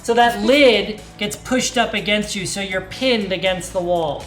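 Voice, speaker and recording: A woman running a live tabletop game, narrating the action and calling out rules in a brisk, commanding way. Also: mid-range voice. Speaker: game master. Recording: echoey room with music behind.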